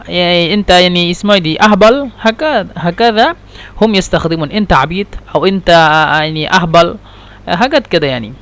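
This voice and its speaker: A male Arabic teacher giving a slow lesson, repeating each phrase several times with many hesitations. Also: sits high, a bit bright. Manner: hesitant, with many fillers and restarts. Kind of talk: slow repetitive language lesson.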